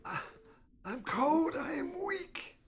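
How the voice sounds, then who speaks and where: Give this role to a high, feeble elderly woman. She is starving and desperate, begging in slow, halting phrases. It is a tabletop game character, weak and pitiful. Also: expressive, slight background noise, full character voice. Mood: desperate pleading. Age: older. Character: frail, starving, desperate old woman pleading for help.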